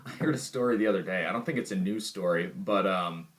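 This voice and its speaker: A man's voice: sits low, fast, a bit bright. A man co-hosting a podcast in casual chat, joking and laughing easily. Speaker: podcast co-host.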